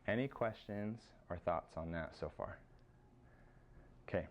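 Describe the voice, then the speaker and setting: A man with an American accent, a high school strength coach giving a casual conference presentation, with plenty of fillers as he lists exercises. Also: a little slow, muffled recording, slight background noise. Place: conference room.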